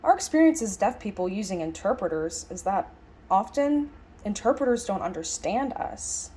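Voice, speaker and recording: A sign language interpreter voices a signed lecture at a middling pitch that moves in lively swings, at a moderate pace. Conversational and reflective, she muses through the ideas, leaning on key words with emphatic phrasing and rhetorical questions.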